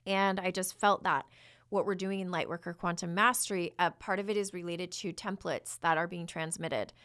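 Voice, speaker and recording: A woman's voice: on the low side, steady tone, moderate pace, fairly bright tone, clear, resonant tone. Chatty woman host chanting invented syllables. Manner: chatty, rambling, frequent restarts. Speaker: podcast host, spiritual channeler. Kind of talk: casual spiritual guidance with channeled chanting.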